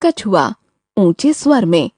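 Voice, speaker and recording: A woman's voice: medium pitch, sing-song, slow, a little mellow, husky, no room sound, clean studio sound. A woman narrator reading the stage directions and speaker cues of a school audio drama. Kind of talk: scripted narration.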